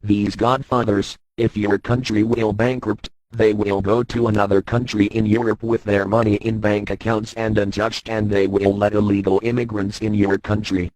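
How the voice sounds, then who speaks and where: A man reading out an anonymous statement in a disguised deep voice, slow and deliberate. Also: level tone, darkish tone, dry recording, rough recording. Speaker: anonymous speaker reading a message. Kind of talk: read-out political statement.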